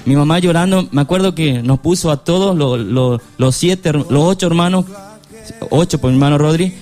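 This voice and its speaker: A man, giving an emotional personal testimony in a halting, stumbling way. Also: a little high, a little mellow, soft background music. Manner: halting, stumbling over words.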